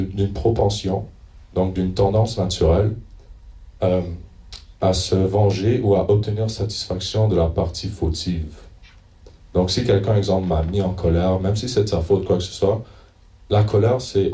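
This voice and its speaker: A man preaching in an informal, hesitant way, pausing to look through his notes and read passages aloud. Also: sits low, dark tone. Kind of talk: informal church teaching. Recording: echoey room, mic at a distance.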